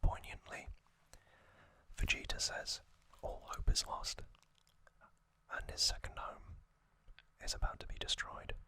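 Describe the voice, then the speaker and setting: Softly and without hurry, a male ASMR host whispers his way through a story. He speaks haltingly, in brief, clipped phrases.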